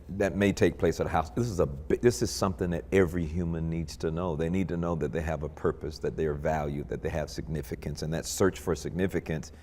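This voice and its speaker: A man hosting a talk show as a pastor, speaking slowly and earnestly in a gentle interview. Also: low-pitched, long reverb tail.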